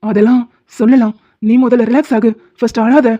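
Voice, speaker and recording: A fairly high voice for a young man, as a woman dubs him in a cartoon romance, calm and firm, soothing others in a steady tone. The sound is dull and lo-fi. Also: fairly quick, close to an everyday voice. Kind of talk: Tamil cartoon dubbing. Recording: dull lo-fi recording.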